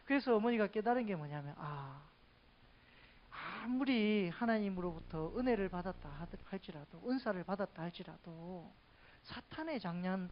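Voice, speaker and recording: A woman's voice: lowish voice, lo-fi sound, a little hiss or hum. A woman preaching a sermon in a conversational way, asking the congregation questions.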